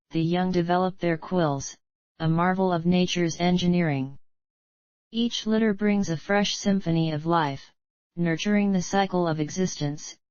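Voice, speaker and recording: A woman reading scripted nature documentary narration in a polished, measured, lyrical way. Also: on the low side, a little mellow, smooth, dry recording, lo-fi sound.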